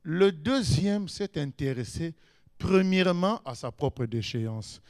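Animated high-voiced male preacher. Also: slow pace. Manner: emphatic, animated, with sudden rises. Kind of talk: sermon.

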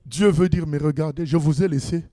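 Emphatic high-voiced male preacher. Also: fairly quick, no room sound, clean studio sound. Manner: emphatic, swinging between loud exclamations and low asides; reads scripture aloud and comments on it. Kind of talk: sermon.

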